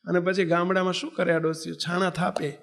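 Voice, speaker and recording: A man's voice: high-pitched, brisk, creaky. A man from Gujarat giving a storytelling sermon, animatedly acting out the figures in a parable. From Gujarat, India. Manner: animated, voices characters in a parable. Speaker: preacher.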